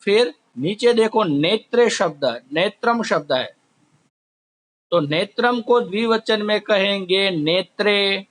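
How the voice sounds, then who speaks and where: A man teaching a class, slowly drilling word forms, asking questions and answering them himself. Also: high voice, fairly bright tone. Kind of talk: slow classroom explanation. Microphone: recorded while writing on a board.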